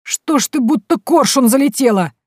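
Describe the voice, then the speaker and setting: A woman voicing a cranky old uncle who groans and complains in loud, folksy outbursts. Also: sits high, animated, moderate pace, no echo, clean studio sound, voice pushed up. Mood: complaining.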